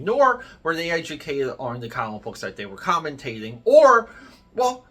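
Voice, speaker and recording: A man's voice: mid-range voice, a bit bright. A middle-aged man delivering an opinionated rant to an online audience, worked up, emphatic and blunt. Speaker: comics YouTuber.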